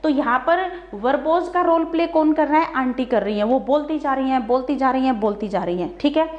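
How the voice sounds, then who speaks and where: A woman's voice: high-pitched, animated, a little fast, echoey room, lo-fi sound. A woman teacher with a Haryana accent, patiently explaining vocabulary and checking that the class follows. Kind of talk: vocabulary lesson.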